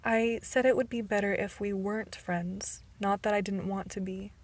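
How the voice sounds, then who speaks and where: Teasing teen boy, calm and quiet, flat delivery, breathy edge, read by a woman. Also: medium pitch, moderate pace, lightly acted.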